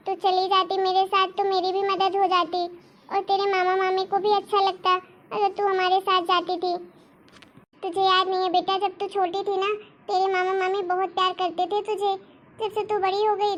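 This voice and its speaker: A woman voicing a gentle, patient mother who softly coaxes her family in a cartoon story. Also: very high voice, highs cut off. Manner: soft, coaxing, patient. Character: gentle pleading middle-aged Indian mother. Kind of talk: cartoon voice acting.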